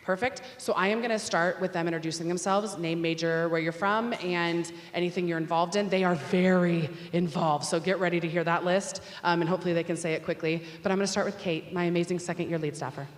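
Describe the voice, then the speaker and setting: A woman's voice: fairly low pitch, steady tone, quick pace, few pauses. Woman orientation director, chatty and upbeat, echoey auditorium, faint noise. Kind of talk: casual address to an audience. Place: large auditorium. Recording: echoey hall.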